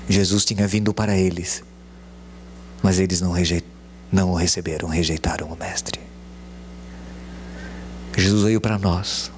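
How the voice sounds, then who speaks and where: Male pastor, sermon, animated delivery, dips to whispers, faint hum. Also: sits low. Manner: animated, swings from hushed to loud calls. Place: church.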